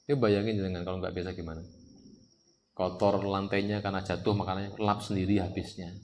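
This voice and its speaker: A man preaching on parenting to a congregation, lively and direct, often asking the audience questions. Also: low voice, brisk, a little hiss or hum.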